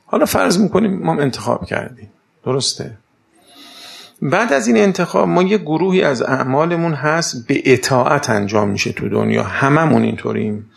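Male speaker, gravelly voice, conversational lecture full of rhetorical questions and stories. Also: a little high. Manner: rhetorical questions and lively anecdotes. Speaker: speaker giving a talk.

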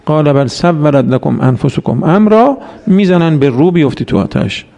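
Gravelly-voiced preacher giving a sermon. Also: male voice, on the high side, expressive, warm tone. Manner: exhorting, rhetorical questions, quotes Arabic verses. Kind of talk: religious sermon.

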